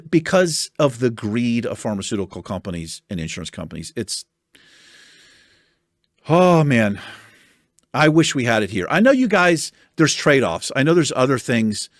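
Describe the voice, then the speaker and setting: Speaking at a medium pitch, an American man reads viewer comments in a relaxed, chatty way, animated and soothing-voiced, swearing casually now and then. The studio sound is clean, with no room sound.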